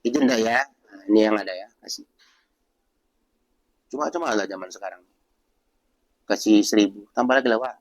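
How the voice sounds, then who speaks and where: Low-voiced teacher explaining scripture. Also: male voice, rough recording. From North Sumatra. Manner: explains slowly, repeats and rephrases key words; acts out short everyday exchanges. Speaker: Islamic teacher. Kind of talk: religious book study lesson.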